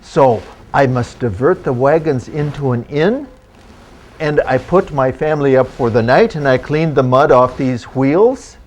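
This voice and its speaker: Here the reenactor's voice is mid-range and darkish, close to how someone talks day to day, with slight background noise. In character as a genial German immigrant country doctor of the 1800s who travels telling stories, he narrates in the first person for an audience, wry and theatrical, choosing his formal old-time words deliberately.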